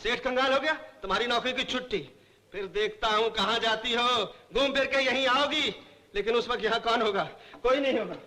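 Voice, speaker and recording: A proud young man who sulks and mocks out of hurt. His voice is high and bright. He talks in old Hindi film style. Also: brisk. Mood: sulky. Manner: sarcastic, sulky. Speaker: hotel keeper, big brother. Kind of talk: 1970s Hindi film acting.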